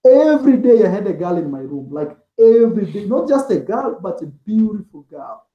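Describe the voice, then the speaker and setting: In a relaxed interview, a male travel vlogger rambles along, peppering his speech with "like" and "man." He sits high in pitch with a sing-song delivery at a moderate pace. The room echoes and the high frequencies are cut off.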